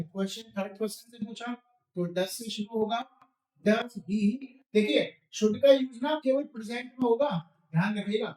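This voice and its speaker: A man teaching spoken English, drilling phrases slowly and quizzing the viewer. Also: very high voice, echoey room, rough recording.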